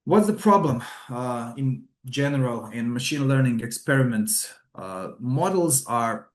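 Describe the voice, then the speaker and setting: A man's voice: mid-range voice, animated, measured pace. Man, english, webinar lecture, hesitant fillers, roomy echo. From Croatia. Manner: hesitant, many fillers and restarts. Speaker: trainer.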